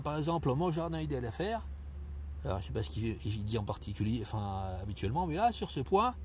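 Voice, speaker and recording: A man's voice: fairly high pitch, slight background noise. Grumbling French-speaking man critiquing websites. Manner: grumbling, critical, many fillers and restarts. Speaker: nature video maker. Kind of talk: casual commentary reading out web pages. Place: outdoors in a sunny wood.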